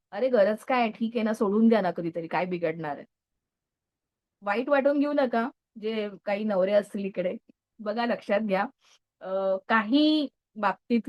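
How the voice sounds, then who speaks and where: Lively Marathi-speaking woman speaker, high voice. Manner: lively, chatty, frequent check-ins with the audience. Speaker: motivational speaker. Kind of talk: live motivational talk to an audience.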